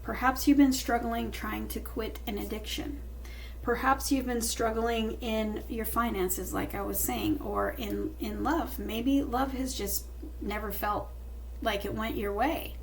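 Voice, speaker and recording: A woman's voice: on the high side, lively intonation, a little slow, poor audio. Woman giving a reassuring tarot reading, faint noise. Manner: reassuring, emphatic with repeated phrases. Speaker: tarot reader. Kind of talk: tarot reading addressed to the viewer.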